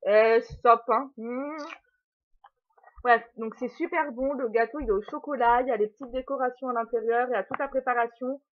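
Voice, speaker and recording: A woman's voice: on the high side, fairly even intonation, a little fast. A young woman chatting casually and giggling through a haul video at home, filling her talk with little hesitations and talking to her puppy. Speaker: vlogger. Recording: dull lo-fi sound.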